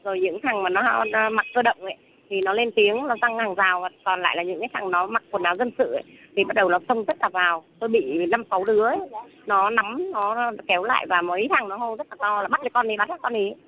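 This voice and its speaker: A woman's voice: medium pitch, quick pace. A woman from Vung Tau who is calling in as a protester and telling her story in an agitated, rambling way. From Vung Tau, southern Vietnam. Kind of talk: phone interview. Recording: tinny phone line with faint noise.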